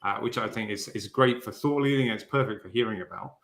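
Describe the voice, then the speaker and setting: A man's voice: on the low side, fast, vocal fry, a bit bright, reverberant, slight background noise. A man hosting an interview, enthusiastic and stumbling a little. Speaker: interview host, conference chair.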